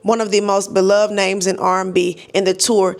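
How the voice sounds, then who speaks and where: A woman's voice: medium pitch, level tone, moderate pace. An American woman delivering opinionated exposé commentary straight to her audience, emphatic and colloquial, with sardonic asides and frequent check-in tags. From United States. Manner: emphatic and direct, often punctuating points with "okay?".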